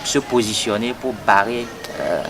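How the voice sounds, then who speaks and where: A young Togolese party activist in his twenties gives an earnest political statement in an interview, hesitating often with fillers and repeated words. His voice is lowish, animated and fairly bright, at a measured pace. It was recorded on a noisy outdoor street.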